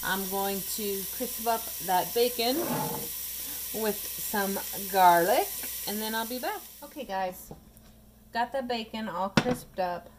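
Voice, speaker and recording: A woman's voice: fairly low pitch, background noise. A woman narrating her home cooking in a casual, chatty way, with wry asides as she stirs a pot in her kitchen.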